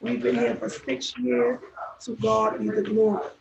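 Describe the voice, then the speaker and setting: A woman's voice: on the high side, little pitch movement, unhurried, creaky, background noise. A woman chatting casually on a live stream as a restaurant owner and guest, her speech slightly impeded by braces. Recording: echoey, dull live stream with crowd chatter.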